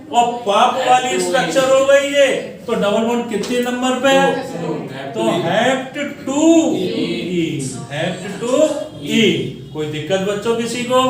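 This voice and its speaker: A male chemistry teacher lecturing at a board, quizzing students and repeating key words for them to answer. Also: very high voice. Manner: call-and-response questioning, repeats key words. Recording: echoey room from far off.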